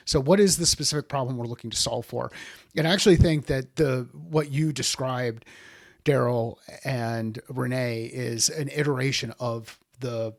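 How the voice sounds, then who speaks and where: A man's voice: mid-range voice, gravelly, dry recording, studio quality. A man speaking as a panel guest, emphatic and wry with punchy points. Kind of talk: casual panel chat.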